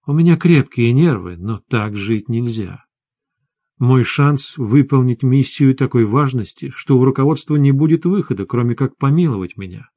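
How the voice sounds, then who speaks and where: A man reading the lines of a weary, stern female sorceress in a low, measured and grave way for an audiobook. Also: lively intonation, warm tone, dry recording, clean studio sound.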